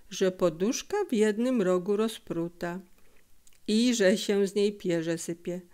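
A woman narrating a literary audiobook in a careful, measured storytelling manner. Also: mid-range voice. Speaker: audiobook reader.

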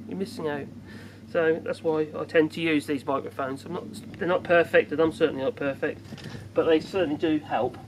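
A man's voice: a little high, fairly bright tone, a little hiss or hum. A man, casually unboxing and chatting to camera outdoors in a rambling, jokey, self-deprecating way. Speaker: gadget reviewer. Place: outdoors in bright sun.

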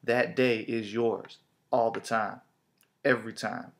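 Guy talking to camera about positive thinking, slangy, kinda repeats himself, normal pitch. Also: flat delivery, slow pace. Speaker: vlogger. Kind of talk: motivational talk to camera.

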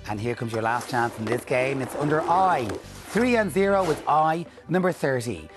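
A man in his forties calls bingo numbers on a TV game show, using a rhythmic, repetitive presenter's cadence. His mid-range voice is animated and moves at a moderate pace. He's picked up by a lapel mic in an indoor studio, with music playing behind him.

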